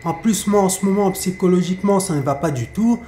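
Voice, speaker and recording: A man's voice: high voice, a little fast, warm tone, reverberant, slight background noise, lightly acted. A man storyteller voicing a troubled husband who is puzzled by his wife and sets his mind firmly. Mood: resigned. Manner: puzzled, then stubborn and decisive. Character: troubled, stubborn middle-aged husband.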